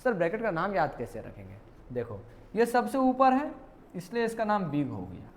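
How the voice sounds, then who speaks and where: A man's voice: high voice, wildly swooping pitch, normal speed, slight background noise. A male teacher, walking students through exam questions. He talks playfully and keeps asking questions back to the class. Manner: playful, repeats questions to students, calls them "beta". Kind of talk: exam question walkthrough lesson.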